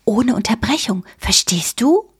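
A woman doing a squeaky childlike penguin. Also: animated, a little slow, breathy edge, heavily acted. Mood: pleading. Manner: urgent, pleading. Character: small anxious pleading male penguin. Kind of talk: storybook reading.

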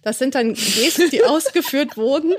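Speaking at normal speed in a high voice, a podcast co-host talks informally about gestures. She laughs frequently and fills her speech with plenty of fillers.

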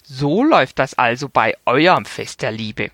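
A teasing, easygoing young boy in a read-aloud story, as a woman narrator puts him on. He speaks lightly and cheekily. The voice is slightly husky and dry. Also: rumbling low, expressive, measured pace, a bit bright, no echo, exaggerated voice.

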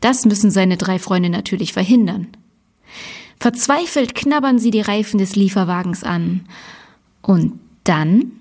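A woman's voice: mid-range voice, measured pace, darkish tone. A woman library presenter retelling a children's story.

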